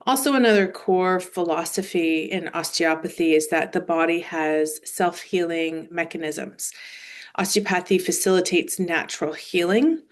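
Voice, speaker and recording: Lower woman explaining therapy, 40s. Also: moderate pace. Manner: explanatory, with fillers and analogies. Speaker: osteopathic manual therapist. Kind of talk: presentation over shared screen.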